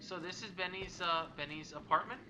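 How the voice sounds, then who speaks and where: A man's voice: high-pitched, fairly quick. Casual male game commentator, joking, noisy recording. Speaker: let's play host. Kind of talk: gameplay commentary.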